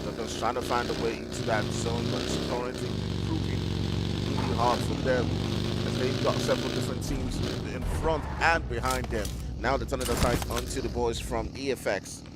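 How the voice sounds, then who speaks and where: An esports caster with an African English accent gives live play-by-play of a match, firing off rapid, excited calls with a steady stream of "you know." His voice is medium-pitched. Heavy background noise, including game gunfire and vehicle sounds, runs behind him.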